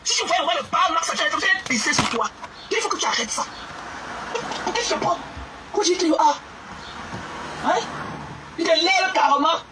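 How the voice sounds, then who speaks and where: Shrill woman ranting from far off. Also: animated, normal speed, long pauses. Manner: scolding, shouting, stammering repeats. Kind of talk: angry mocking rant. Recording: distant mic with loud background noise.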